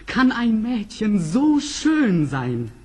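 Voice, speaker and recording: An actor playing an ardent, courteous young Persian prince in an earnest, declamatory fairy-tale radio play manner, with a husky voice. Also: male voice, sits high, wildly swooping pitch, extremely slow, warm tone, exaggerated voice. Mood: awed.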